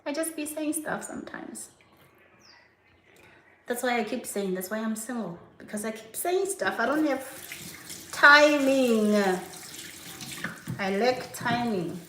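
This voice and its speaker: A woman's voice: on the high side, lively intonation, normal speed, slight background noise. A woman chatting sarcastically to her viewers while washing dishes at home, laughing often. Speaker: vlogger. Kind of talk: casual chat to viewers. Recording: echoey room, mic far off.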